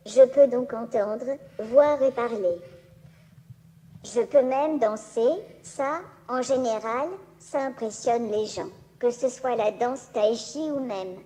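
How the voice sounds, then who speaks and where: A woman's voice: a little high, takes it slowly, warm tone. A synthetic female robot voice of a small cheerful humanoid robot, giving a neatly enunciated scripted presentation. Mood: polite, playful.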